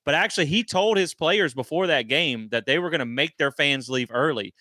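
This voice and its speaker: A man co-hosting a casual sports talk show, chatty and quick to tell a story. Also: fairly high pitch, pushed and bright, no room sound. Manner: chatty, storytelling, frequent agreeing. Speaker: podcast co-host.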